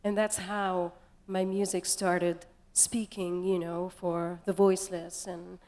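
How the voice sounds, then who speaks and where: Woman from tunisia, unhurried speech, reflective singer, long hall reverb. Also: on the low side, little pitch movement, a little mellow. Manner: reflective, many fillers like "like" and "you know". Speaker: singer and musician. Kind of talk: interview answers.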